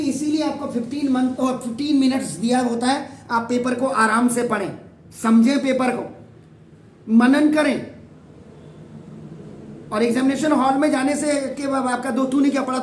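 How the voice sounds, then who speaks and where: A man teaches maths to a class, stretching important words and switching between Hindi and English as he works through problems. His voice sits at a middling pitch and comes from some distance. The classroom rings around him, and a faint hiss runs underneath. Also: darkish tone. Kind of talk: classroom lecture. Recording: echoey room, voice off-mic, faint noise.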